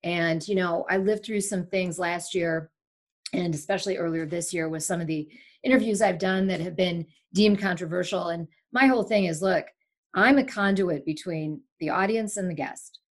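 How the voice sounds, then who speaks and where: A Sri Lankan woman in her forties, a longtime broadcaster and podcast host, appears here as the guest in a remote interview over a call. In a lowish voice at a moderate pace, she chats casually, speaking candidly and emphatically as an animated storyteller.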